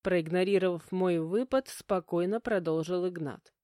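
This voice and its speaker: Brief: female audiobook narrator, low voice, dry close sound. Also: moderate pace, dark tone, no room sound. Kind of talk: scripted first-person narration.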